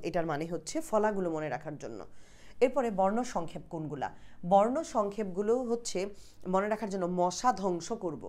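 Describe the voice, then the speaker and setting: A woman's voice: mid-range voice, a little mellow. A woman with a Bangladeshi Bengali accent teaching an exam-prep grammar lesson, explaining patiently, repeating points and asking checking questions.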